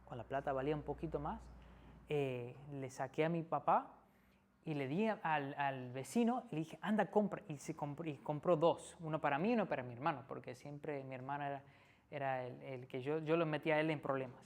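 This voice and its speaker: A man preaching in a conversational sermon, often checking in with the listener through tag questions and pausing with fillers. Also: a little high. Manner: frequent tag questions, hesitant fillers and restarts.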